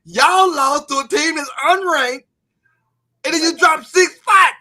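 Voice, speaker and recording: A man's voice: very high-pitched, pushed and bright. A middle-aged man, a pastor hosting a show, joking and teasing his co-hosts in casual banter. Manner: playful teasing, quick repeats and laughter.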